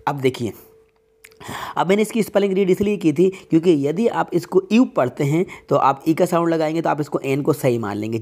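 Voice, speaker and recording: A man runs a patient online grammar lesson, reading each example sentence slowly, one word at a time. He keeps pausing to ask the viewers whether they are following. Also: fairly high pitch, a little mellow. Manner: keeps asking the viewers rhetorical check-in questions. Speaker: English grammar teacher.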